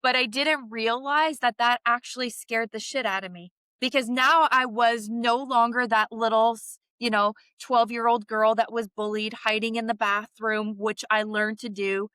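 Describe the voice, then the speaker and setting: Bright-voiced Canadian woman telling a story. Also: a little high, normal speed, few pauses, clear, resonant tone, no room sound, clean studio sound. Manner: animated, vivid storyteller who acts out quoted voices. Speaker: podcast co-host. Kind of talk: candid conversational storytelling.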